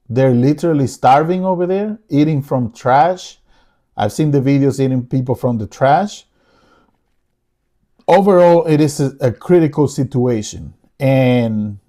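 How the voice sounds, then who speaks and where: A man's voice: mid-range voice, warm tone. A man from the Republic, talking casually to his viewers as a channel host, earnest and repeating phrases for emphasis. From Dominican Republic. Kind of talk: casual talk to camera.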